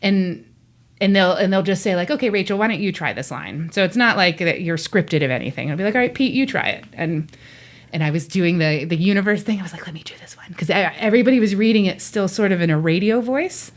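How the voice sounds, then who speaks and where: A woman guest telling stories in a lively way and acting out the quotes she tells. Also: medium pitch, a little fast. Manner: animated storytelling, acts out quotes. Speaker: guest, voice actor. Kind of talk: casual interview chat.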